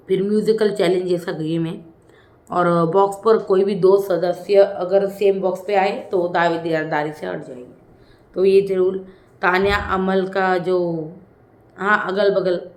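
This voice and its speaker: A woman giving a casual video review of a reality show, chatty, with frequent humming fillers and dramatic scolding asides. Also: lowish voice. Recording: roomy echo.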